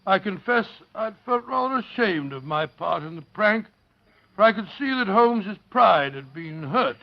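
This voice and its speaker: A genial, loyal British doctor in a vintage radio mystery. His voice is notably high and his manner a little fussy. The sound is dull, like an old broadcast. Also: expressive, normal speed. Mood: reminiscing. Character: genial, loyal male doctor, detective's chuckling companion. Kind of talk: 1940s radio drama acting.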